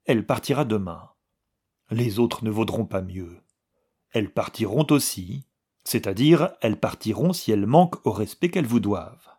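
A man voicing an earnest, kind young woman who speaks gently and pleadingly. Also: fairly low pitch, expressive, moderate pace, husky. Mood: gentle, earnest.

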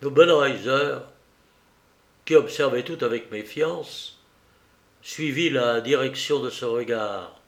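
Slow, measured male audiobook reader. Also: medium pitch. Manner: measured, dramatic pauses. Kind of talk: novel reading. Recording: echoey room.

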